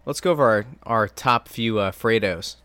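A man's voice: lowish voice, normal speed, a bit bright, smooth, dry recording. A man co-hosting a podcast, joking and teasing in casual chat. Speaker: podcast co-host.

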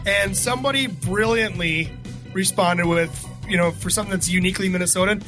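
A man's voice: sits high, a little fast, music in the background. A man hosting a sports podcast, chatting casually and teasing his co-host. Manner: joking, teasing banter.

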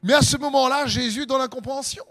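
A man's voice: very high-pitched, fast talker, fairly bright tone, no echo, faint music behind. A man preaching a sermon in an impassioned, sing-song way, letting his phrases swell for emphasis.

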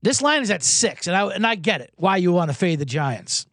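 The speaker is a man who hosts a sports betting podcast, his high, slightly bright voice swinging widely in pitch at a fairly quick pace. The audio is clean studio sound with no room noise. He rambles through profane, casual betting talk, riffing, joking, and doing mock accents.

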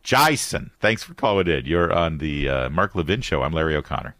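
A man's voice: extremely low pitch, a little fast, dry recording, clean studio sound. Impassioned male talk radio host. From Detroit, USA. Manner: impassioned, mocking, animated. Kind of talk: talk radio monologue and call-in.

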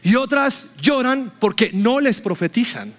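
A man's voice: very high voice, expressive, a little slow, fairly bright tone. A man preaching a sermon to a church congregation, telling stories and acting out the people he quotes. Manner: storytelling, acts out quotes with rising voice. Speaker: pastor.

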